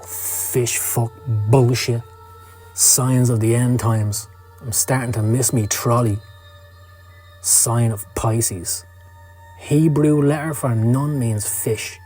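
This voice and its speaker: Slow and steady, this medium-pitched Scottish male voice is a little mellow and only lightly acted. He plays a down-at-heel occult con man narrating his own tale for a motion comic, brooding, cynical and foul-mouthed with a sardonic street edge, over background music.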